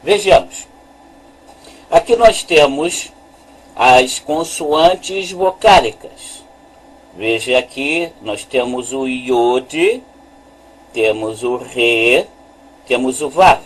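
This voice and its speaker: A man giving a slow, repetitive lesson on letters and sounds, pointing at a chart on his screen. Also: medium pitch, animated, poor audio. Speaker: religious teacher.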